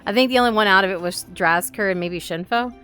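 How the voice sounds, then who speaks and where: A woman streamer talks casually with her friends and her chat. Her voice is bright and forceful, and she is excitable and quick to poke fun at herself. Faint music plays in the background. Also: medium pitch, smooth. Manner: excitable, self-deprecating, laughs often. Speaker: streamer and roleplayer.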